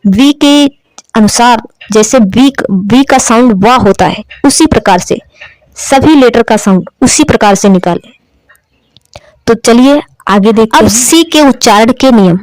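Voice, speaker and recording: A woman's voice: on the high side, lively intonation, unhurried, a little mellow, dry recording, rough recording. A woman from India giving an online English lesson as teacher, drilling sounds with repeated questions and answers.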